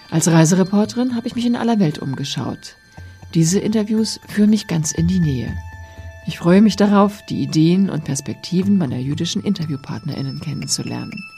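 A woman's voice: low voice, warm tone. A woman hosting a podcast, giving a friendly scripted welcome and asking the guest questions. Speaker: podcast host.

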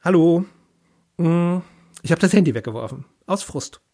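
A man with a husky voice voicing a blunt, cursing young woman with colorful hair, stranded on a phone call. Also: a little high, animated, moderate pace, warm tone. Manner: blunt, casual, sarcastic.

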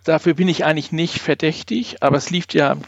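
A middle-aged organisational development consultant from northern Germany, near Hamburg, appears as a guest in a reflective podcast interview, speaking discursively and wryly. His voice is a little high and steady, his pace slightly fast, and the recording sounds dull, roomy and lo-fi.

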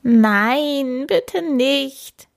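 A woman's voice: high voice, moderate pace, gravelly, voice pushed up. A woman doing a sobbing shy young cheetah boy. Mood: tearful. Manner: whiny, tearful.

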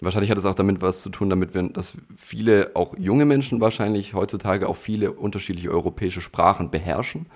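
A man's voice: low-pitched, brisk, few pauses, husky. A man co-hosting a podcast, candid and a little hesitant, with fillers and restarts. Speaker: podcast co-host. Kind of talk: conversational podcast talk.

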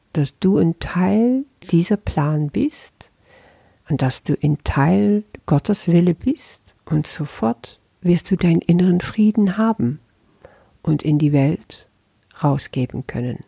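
A spiritual teacher talks through a daily lesson in a relaxed, conversational way and keeps turning to ask the listener questions. The voice is gravelly and husky, with a dark, mellow tone. It sounds dry and close, with no room around it. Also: medium pitch, slow pace, no room sound.

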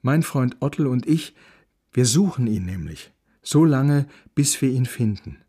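A man reading a children's novel aloud in a calm, gentle storytelling manner. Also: mid-range voice, a little slow, breathy edge. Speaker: audiobook narrator.

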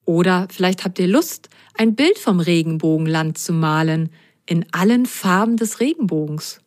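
A woman reading a children's story aloud in a gentle, clear way and speaking directly to the children listening. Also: on the low side, expressive, moderate pace, no room sound, clean studio sound.

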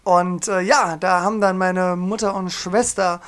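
A young man co-hosting a podcast, telling a story in a lively, joking way and acting out quotes. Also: high-pitched, measured pace, clear, resonant tone. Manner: animated storyteller, acts out quotes, laughs often. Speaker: podcast co-host. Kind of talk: casual storytelling chat.

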